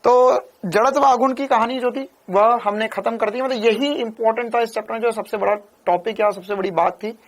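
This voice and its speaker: A man's voice: very high-pitched, steady tone, a little fast, few pauses. A young man teaching a physics class in a casual, chatty way, talking to students like friends. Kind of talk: casual Hindi lecture.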